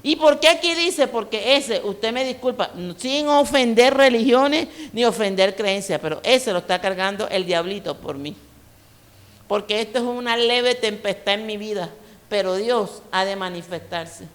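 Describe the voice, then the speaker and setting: Her voice sits in the mid range and moves at an ordinary pace as this preacher, whose accent comes from Colombia's Caribbean coast, shares personal stories in an emphatic, chatty sermon. The church hall around her echoes noticeably.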